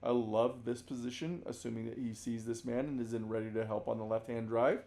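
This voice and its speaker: A man breaking down basketball game film as a coach, talking conversationally, often restarting sentences and now and then shouting out example calls. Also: medium pitch, flat delivery, a little fast, creaky.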